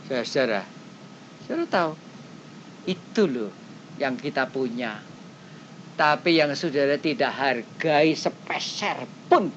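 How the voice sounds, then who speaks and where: A woman preaching a sermon in plain everyday talk, often turning straight to her listeners and swinging between loud high exclamations and quiet low asides. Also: lively intonation, takes it slowly, long pauses. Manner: speaks in plain everyday phrasing, often addressing listeners directly. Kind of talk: colloquial sermon to a congregation. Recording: dull lo-fi cassette with faint rumble.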